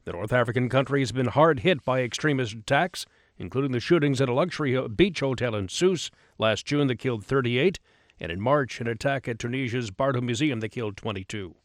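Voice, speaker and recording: A man reads radio news from a script. His voice sits at a middle pitch, recorded dry and close with no room sound. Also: brisk, no echo. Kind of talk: scripted news bulletin reading.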